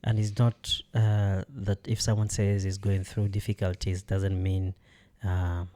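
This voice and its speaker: Low, mellow-voiced male podcast host. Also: flat delivery, a little slow. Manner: hesitant, many fillers, laughs often. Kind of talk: casual conversation.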